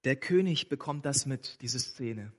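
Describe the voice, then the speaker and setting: A man's voice: mid-range voice, animated, unhurried, a little mellow. A man preaching a sermon, retelling a parable and addressing the listeners directly. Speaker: pastor.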